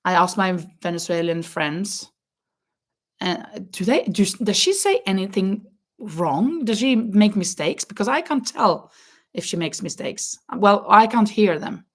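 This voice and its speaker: A non-native English speaker with a medium-pitched, sing-song voice and measured pace runs a relaxed crochet live stream. Chatting with her viewers, she talks loosely, laughs frequently and sometimes halts while hunting for a word.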